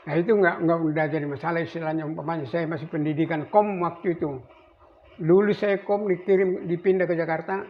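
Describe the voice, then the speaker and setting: An elderly man in his eighties, a navy veteran, recalling his service in a rambling, halting way with many restarts. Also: fairly high pitch, fairly even intonation. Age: 80s. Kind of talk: recorded interview. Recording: dull lo-fi recording with faint noise.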